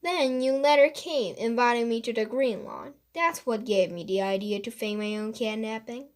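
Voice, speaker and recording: A woman reader voices a mischievous woman writer from a children's mystery, speaking in a high-ish voice at normal speed, close to how she'd sound day to day. The character explains herself with playful, animated emphasis.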